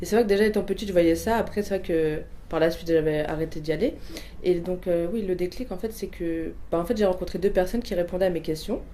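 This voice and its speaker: This personal testimony comes from a woman in her 20s with Portuguese family roots, answering questions hesitantly with lots of fillers and restarts. She talks fast in a lowish, dark voice, and a little hiss or hum can be heard.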